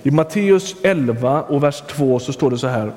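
A man's voice: medium pitch, lively intonation, darkish tone. A man preaching a sermon in a conversational way, speaking straight to the listener and often restarting his sentences. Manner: conversational, addresses listener directly, frequent restarts. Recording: long hall reverb.

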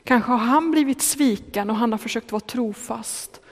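A woman preaching a sermon in a church, speaking slowly and with emphasis, lingering on repeated phrases. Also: a little high. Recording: long church reverb.

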